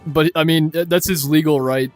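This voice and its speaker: A man streaming a game late at night, chatting casually with a friend and rambling in a deadpan joking way. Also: on the high side, moderate pace, soft background music. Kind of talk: casual gaming stream chat.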